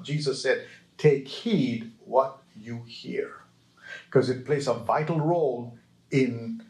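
A man preaching a sermon with emphasis, quoting scripture and checking in with his listeners. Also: on the high side. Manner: emphatic, slow, with call-and-response checks to the listeners.

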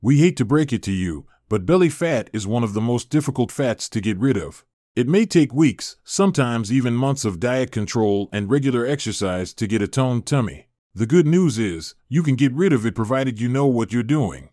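A man reading a scripted narration about exercise in an even, informative way. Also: medium pitch, normal speed, no room sound, studio quality.

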